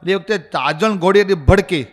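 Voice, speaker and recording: Man, Gujarati accent, sermon storytelling, lively acted dialogue, slightly high voice, long hall echo. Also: normal speed. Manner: animated storyteller acting out dialogue. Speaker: swami giving a religious discourse.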